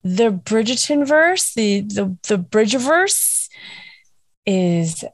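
A young woman with a hoarse, scratchy, nasal voice, hosting a casual fan chat podcast with lots of fillers. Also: mid-range voice, slow pace, dry recording. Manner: chatty, filler-heavy, excitable. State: hoarse, lost voice. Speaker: podcast host.

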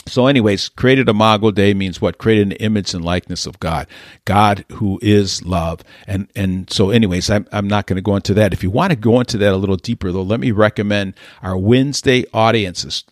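Emphatic low-voiced man, podcast host. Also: a little fast, dry recording, clean studio sound. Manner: emphatic, preachy, frequent restarts and fillers. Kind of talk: religious podcast talk.

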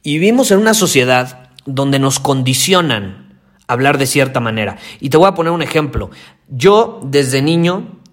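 A man with a Mexican accent hosting a podcast, talking loudly and intensely and repeating his key points for emphasis. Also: mid-range voice, expressive, moderate pace. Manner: loud, intense delivery. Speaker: podcast host. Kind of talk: motivational podcast monologue.

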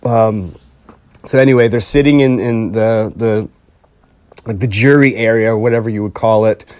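A man's voice: on the low side, moderate pace, darkish tone, no room sound. A man casually retelling a story as a podcast host, rambling with fillers and restarts and acting out quotes in a livelier voice.

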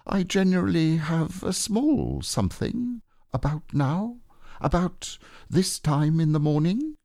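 A man's voice: a little high, wildly swooping pitch, slow, a little mellow, no echo, studio quality, voice pushed up, full character voice. A man voicing a humble, dreamy storybook bear of very little brain, hesitant and wistful. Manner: hesitant, wistful, simple-minded. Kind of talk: storybook character reading.

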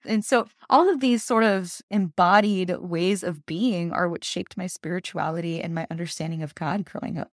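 Reflective woman, low voice. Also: normal speed, hardly any pauses, dry recording, clean studio sound. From Miami, Florida, USA. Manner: reflective, frequent "you know" and "right?". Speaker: guest author and theologian. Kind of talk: conversational interview storytelling.

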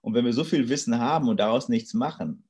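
A man giving thoughtful, halting interview answers with many restarts. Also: medium pitch, darkish tone, slightly rough. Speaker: interview guest, political thinker.

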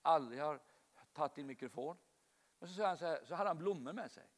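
A male preacher delivers a sermon in a high, bright-pitched voice, turning often to the congregation with questions. His voice rings with the long reverb of a large church hall. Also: expressive. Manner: storytelling, addresses congregation directly.

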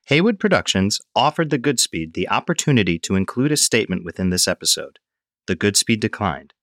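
A man's voice: on the low side, big pitch swings, a little fast, a bit bright, dry recording. Formal male announcer, dry close sound. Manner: formal and matter-of-fact. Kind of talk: read-out disclaimer statement.

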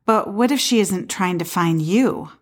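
In an audio play, an actress voices an apartment dweller who is skeptical yet helpful, speaking hesitantly and conversationally. Her voice sits on the low side and moves a little slowly, carrying a skeptical, wistful mood.

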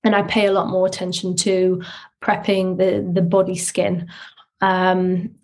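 Woman podcast host on low-quality audio. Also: completely flat delivery, measured pace, darkish tone. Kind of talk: casual solo podcast talk. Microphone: faulty microphone.

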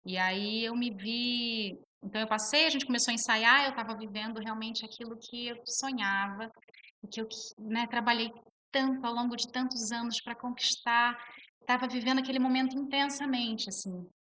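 A woman's voice: on the high side, steady tone, moderate pace, sharp tone. A woman with a Brazilian Portuguese accent, a musical theatre actress telling her story expressively in an interview.

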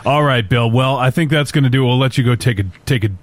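A male podcast host with a medium-pitched voice. He chats casually and informally, with a bro-like, sweary manner. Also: fast, a little hiss or hum. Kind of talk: casual chat.

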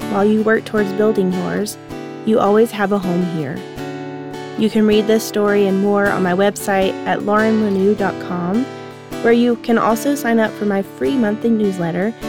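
A woman in her thirties, hosting her own podcast, reads a reflective monologue. Her medium-pitched voice is gentle, earnest and measured.

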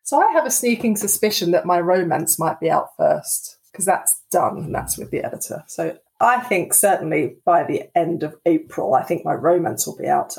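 A woman's voice: lowish voice, gravelly, a little mellow, poor audio. A woman, an indie author guest, chatting playfully and teasingly on a podcast. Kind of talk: casual podcast chat.

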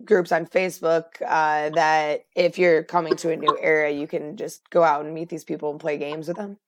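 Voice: medium pitch, level tone, normal speed, dry recording. A podcast host asking friendly, rambling questions in a casual interview.

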